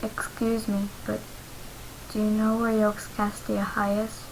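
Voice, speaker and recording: A shy, masked teenage boy, as a woman reads him out, speaking softly and hesitantly. His delivery stays quiet and even, with a flat melody. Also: mid-range voice, unhurried, a little hiss or hum, lightly acted, poor audio. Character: shy, soft-spoken teenage boy in a mask.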